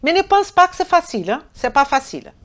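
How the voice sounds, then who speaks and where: A woman with a foreign accent runs a live online nutrition class as a trainer, her high voice fast, very animated and a bit bright. She speaks emphatically, repeats words, corrects herself, and replies directly to questions from the chat.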